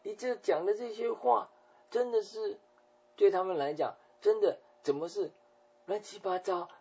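Outraged, scornful male accusers, as a preacher puts them on, their voices jumping high above his own with a gravelly, husky edge. They exclaim in disbelief. The recording is dull and lo-fi. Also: expressive, fairly quick, a little mellow, full character voice. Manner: exclamatory, incredulous.

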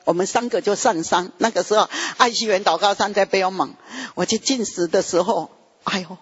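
A man preaching an emotional testimony sermon, his pitch jumping high as he tells it. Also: fairly quick, a bit bright, husky. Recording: dull lo-fi recording.

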